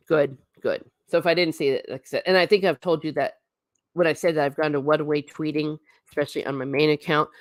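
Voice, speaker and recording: Her voice sits low, captured in clean studio sound with no room ambience. As host of a casual livestream, she works through viewer comments, answering bluntly and chattily, with plenty of tangents and restarts.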